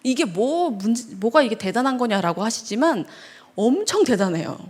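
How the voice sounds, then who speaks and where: A woman pastor giving a seminar lecture in a church hall, animated, acting out quoted dialogue and asking the audience questions. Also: fairly high pitch, moderate pace. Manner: animated, acts out quoted dialogue in changing voices.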